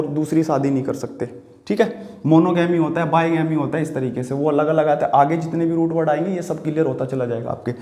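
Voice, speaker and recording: A man with an Indian accent gives an exam-prep vocabulary lesson, repeating each word and quizzing the viewer as he writes on a board. His voice sits fairly high but mellow and dark. The room is echoey around him. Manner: explains patiently, repeats words and asks questions to the viewer; writes on a board while talking. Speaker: vocabulary teacher.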